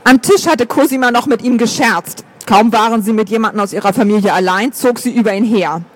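A man narrating a story aloud with a notably high voice. His delivery is even and steady, the calm pace of a scripted audiobook reading. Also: a little fast.

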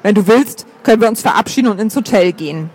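An easygoing older man with a soothing, wry manner, as a male narrator reads him. The voice stays light and high, read in an even storybook delivery. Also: quick pace, slightly rough. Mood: reassuring.

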